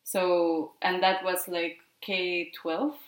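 Speaking slowly in a level, lowish voice, a podcast guest from Peru in her twenties chats casually in an interview. Spanish is her first language, and her speech is full of "like" and the tag "no?". The room sounds echoey.

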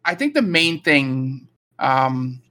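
A man's voice: mid-range voice, very animated, slow, pushed and bright. A man co-hosting a podcast, talking casually and rambling as he restarts his sentences. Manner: rambling, full of fillers and restarts. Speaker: podcast co-host.

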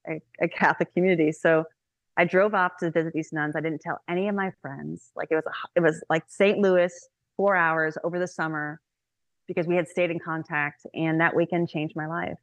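Low-voiced woman sharing her testimony. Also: normal speed, no room sound. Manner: chatty and animated, with many "like"s and "um"s. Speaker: guest speaker. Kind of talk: personal testimony on a podcast.

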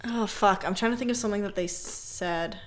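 A woman's voice: mid-range voice, brisk. A young woman co-hosting a podcast, telling stories in casual chat and reading messages aloud with giggles. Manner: animated storytelling, reads messages aloud with giggles. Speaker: podcast co-host.

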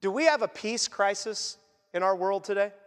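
A man delivers a sermon in a fairly high voice, talking to the congregation in an earnest, conversational way. He often sinks to a hushed, soft tone to stress a point. His voice rings with the long reverb of a large church hall. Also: moderate pace, smooth. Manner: earnest, conversational preaching with sudden quiet drops. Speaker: pastor.

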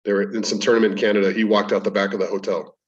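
Low-voiced man telling stories, distant and muffled. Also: level tone, racing. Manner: rambling, anecdotal, frequent restarts. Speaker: podcast guest, strength coach. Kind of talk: casual storytelling interview. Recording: distant, dull lo-fi sound.

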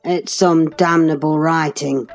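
A woman's voice: deep voice, fairly even intonation, takes it slowly, faint music behind. A woman voicing a surly young farmhand with a Yorkshire accent, growling blunt answers. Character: rough surly young farmhand, gruff and unlettered.

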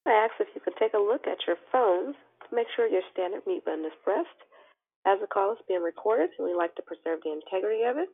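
A woman with a gravelly, husky voice at a middle pitch speaks over a narrow phone line. She hosts in a formal, orderly way, phrasing announcements and scripture deliberately. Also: expressive. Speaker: prayer call host. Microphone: phone call.

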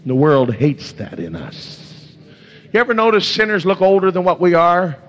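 A man's voice: high-pitched, very animated, normal speed. A male evangelist preaching a sermon with stories, impassioned and crying out hallelujah and glory to God. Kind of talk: sermon with storytelling. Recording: echoey hall, dull lo-fi sound.

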